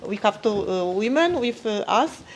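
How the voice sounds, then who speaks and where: A woman making an informal announcement to welcome guests, halting, with many fillers. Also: a little high, animated, slight background noise.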